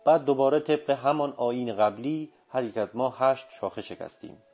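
Man narrating an audiobook, steady and measured. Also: medium pitch. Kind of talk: scripted literary narration. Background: faint music.

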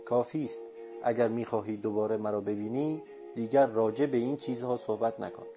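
A man reading an audiobook voices a calm, assured old male sage who speaks in firm, confident pronouncements. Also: medium pitch, soft background music, natural voice.

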